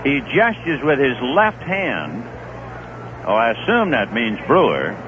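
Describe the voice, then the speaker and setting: A radio baseball announcer of medium pitch calls the action unhurriedly, though he grows lively and his voice lifts on big plays. The 1970s broadcast sounds tinny and noisy.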